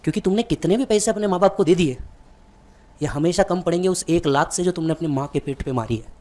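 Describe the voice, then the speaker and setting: A man's voice: fairly high pitch, quick pace, warm tone. A man giving a motivational speech, telling a dramatic story straight to the listener. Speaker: motivational speaker.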